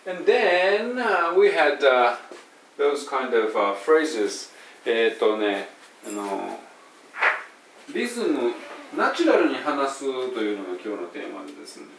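A man's voice: medium pitch, big pitch swings, takes it slowly, creaky, fairly bright tone, slight background noise. A man with a Kansai accent giving an informal pronunciation lesson, explaining by saying example phrases aloud. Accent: Kansai Japanese. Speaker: English pronunciation teacher. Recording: roomy and distant from the mic.

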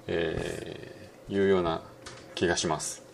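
In a casual spoken lesson on English pronunciation, a middle-aged man with a Kansai Japanese accent muses along with many fillers and slows way down to demonstrate words. His voice sits low and gravelly with little pitch movement, over slight background noise.

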